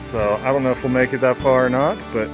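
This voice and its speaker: A man's voice: mid-range voice, fairly even intonation, fast, music in the background. A man talking casually as he narrates a hiking vlog outdoors on a trail.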